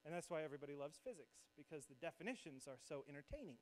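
A man's voice: fairly high pitch, expressive, rapid-fire. A young man, a worship pastor, giving a conversational sermon from a church stage into a microphone, explaining with self-deprecating asides. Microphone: handheld or stage microphone.

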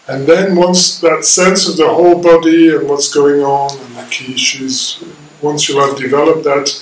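A middle-aged French man, a facilitator, speaking haltingly with many ums in a recorded video message. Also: a little high, fairly even intonation, a little hiss or hum. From France. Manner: hesitant, many ums and restarts. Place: sitting room with plant and map, indoors. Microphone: far camera. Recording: roomy audio from a distant camera.

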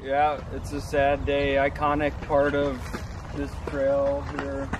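A man's voice: medium pitch, monotone, takes it slowly, noisy background. A man, the host's friend, chatting casually and joking easily while walking outdoors by a lake. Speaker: friend of the host. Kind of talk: casual chat.

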